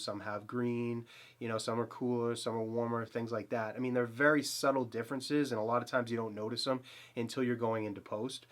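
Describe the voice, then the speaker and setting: A photography channel host in his thirties, with a Boston accent, reviews a portrait lens to camera from a small, dim home studio. His voice is medium-pitched and a bit bright, and he talks casually and eagerly, rambling with fillers and restarts.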